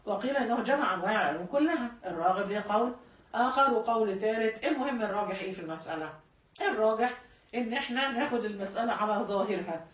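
A woman with an Egyptian Arabic accent teaches a lesson at a brisk clip, her voice set a little high. She explains patiently, repeats key points and corrects herself mid-word. She is heard from a distance in an echoey room. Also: expressive. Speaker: religious studies teacher. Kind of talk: classroom lecture.

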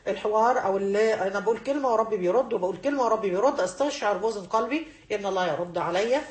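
Egyptian lady preaching a lesson to women super fast, keeps repeating herself for emphasis, echoey room. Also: mid-range voice. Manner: emphatic, repeats key phrases. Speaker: religious teacher.

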